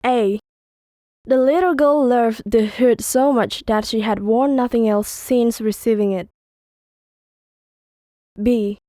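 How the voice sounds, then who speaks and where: A woman reading lettered story sentences slowly and carefully for a textbook audio, in a dry, close recording. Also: on the high side, no echo. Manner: slow, careful, even reading. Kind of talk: scripted reading.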